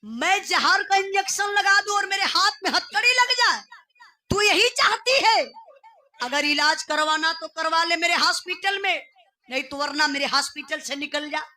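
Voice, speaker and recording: A Bhojpuri-accented woman voicing an angry hospital nurse who shouts and scolds. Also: extremely high pitch, moderate pace, voice pushed up, heavily acted. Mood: scolding.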